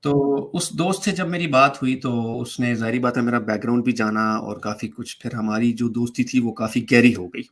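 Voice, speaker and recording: A man's voice: medium pitch, hardly any pauses. A man speaking as a guest, casually recounting his own story and re-enacting the conversations in it. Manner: animated, re-enacts dialogue while recounting events. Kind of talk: casual spoken storytelling in a debate stream.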